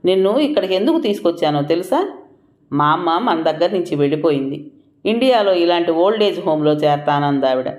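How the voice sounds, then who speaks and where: A man's voice: a little high, animated, brisk, natural voice. A storyteller voicing a troubled middle-aged father who speaks earnestly and reproachfully to his son. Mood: sad. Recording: roomy echoing room.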